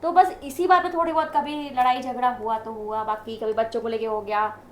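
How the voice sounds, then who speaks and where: Woman, high-pitched, talkative, animated, casual interview, roomy echo. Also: fairly quick. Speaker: interview guest, wife.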